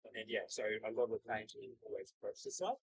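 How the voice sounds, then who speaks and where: A man's voice: on the low side, huge pitch swings, quick pace, slight background noise, poor audio. A man with a broad New Zealand accent chatting casually as a livestream host, upbeat, matey and enthusiastic. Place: outdoors beside an airport.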